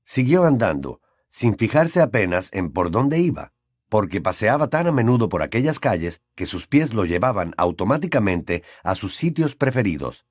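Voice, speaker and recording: Expressive male audiobook narrator. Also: fairly low pitch, moderate pace, dry recording, clean studio sound. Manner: expressive storytelling. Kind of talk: scripted narration.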